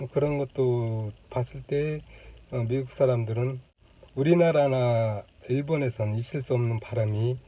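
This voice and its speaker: A man speaks straight to the camera as host of his own channel, explaining at an easy pace. His voice is very dark and mellow, with a middling pitch. He pauses often, fills the gaps with "uh" and "um," and acts out the sounds he describes. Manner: thoughtful, many fillers, demonstrates sounds. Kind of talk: casual explanatory talk to camera. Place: indoors on a lunch break. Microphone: camera mic.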